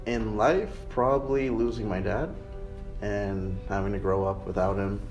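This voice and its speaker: A man from the Bahamas, a culinary student giving calm, earnest, short interview answers. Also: on the low side, measured pace. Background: background music.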